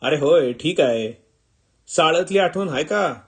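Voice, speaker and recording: A man voicing a friendly, humble young village schoolteacher who speaks simply and loudly, with a rural Marathi village accent. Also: fairly high pitch, expressive, measured pace, slightly rough. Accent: rural Marathi village dialect. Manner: simple rustic speech, raised voice. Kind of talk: storytelling reading.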